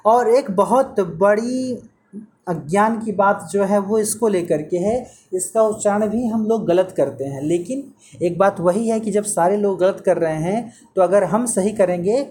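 A man's voice: sits high, unhurried, a little mellow, a little hiss or hum. A man teaching Hindi pronunciation to a student one-on-one, patiently repeating sounds and correcting mistakes.

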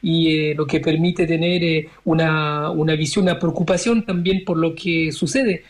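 A man in his forties, born in Chile, answering interview questions as a member of parliament in a measured way, searching for his words. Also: fairly high pitch, fairly even intonation. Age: 40s.

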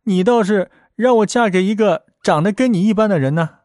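A man's voice: a little high, lively intonation, normal speed, a little mellow, no echo, studio quality, close to an everyday voice. A man voicing a petulant, lovesick young woman in a spoken story, whiny and pleading.

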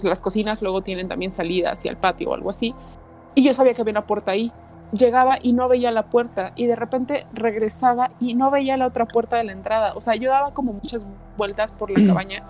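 A quick-talking woman tells a long story in casual podcast chat, filling it with "you know" style fillers. Her voice sits a little high yet sounds mellow and dark, with soft music faint behind her. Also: low-quality recording. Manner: rambling, many fillers like "o sea". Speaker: podcast co-host. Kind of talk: casual chat, telling a dream.

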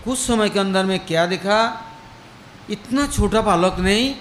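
A man's voice: high voice, unhurried, slight background noise. A male preacher telling a devotional story in a sermon, acting out the characters' dialogue as he goes. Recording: echoey room with faint ambience.

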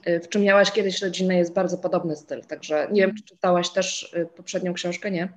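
A woman, hoarse today, leads a book club discussion. Her voice sits fairly low as she reflects on a book and turns to others for their views. She invites responses in a thoughtful way. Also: fairly even intonation, a little fast.

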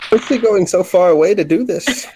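A man's voice: high voice, lively intonation, fairly quick, dark tone, husky, dry recording. A man playing a tabletop role-playing game, talking casually in character and rambling with fillers.

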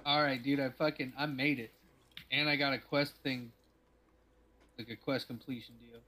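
A man's voice: medium pitch, fairly even intonation, normal speed, pushed and bright. A man chatting casually while gaming, full of bro slang and heavy swearing. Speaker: gamer on a stream.

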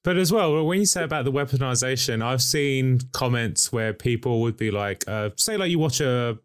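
A man from the UK in casual podcast chat, his pitch sitting in the middle. He tells stories with a joking edge, laughs easily and swears offhandedly. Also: normal speed, clean tone. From United Kingdom.

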